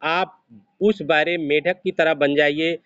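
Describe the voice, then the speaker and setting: A man's voice: fairly high pitch, steady tone, slow pace, a bit bright, no room sound. A man giving a preachy motivational speech to an audience, repeating phrases for emphasis. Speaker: motivational speaker. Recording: dry, dull lo-fi sound.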